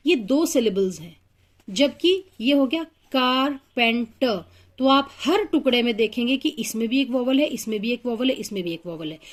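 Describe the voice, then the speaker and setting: A woman with a slightly high voice teaches English phonics. She explains step by step, patiently working through example words and pausing with small fillers as she thinks.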